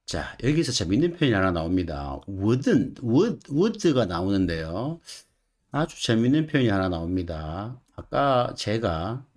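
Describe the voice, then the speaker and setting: Lively-voiced male English teacher explaining. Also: fairly low pitch, measured pace. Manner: asks the viewer rhetorical questions. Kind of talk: explaining textbook sentences in a lecture.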